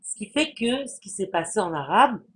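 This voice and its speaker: A man giving a language lesson, patiently explaining and repeating sounds and words to demonstrate them, with some hesitant pauses. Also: high-pitched, big pitch swings, fairly bright tone, slightly rough. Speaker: Arabic language teacher.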